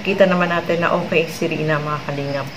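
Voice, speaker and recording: A woman's voice: low-pitched, steady tone, fast talker, crowd noise, low-quality recording. A woman hosting a vlog, giving chatty commentary to her viewers and ending many remarks with tag questions. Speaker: vlog host commenting on a clip.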